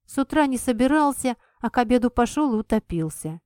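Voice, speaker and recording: A spirited young heroine with a quick, stubborn temper, her voice lifted above the reading tone, played by a woman narrator. She insists and argues in bright, emphatic bursts. The audiobook recording is dry and close. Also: animated, no echo, close to an everyday voice. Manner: emphatic, higher and livelier than the narration. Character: impulsive, sharp-tongued young woman heroine. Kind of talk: audiobook character voicing.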